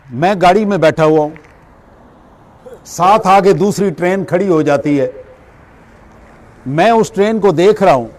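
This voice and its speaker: High-voiced man giving a spiritual talk. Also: darkish tone. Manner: explains with everyday examples, asks and answers his own questions. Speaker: religious speaker. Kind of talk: spiritual lecture.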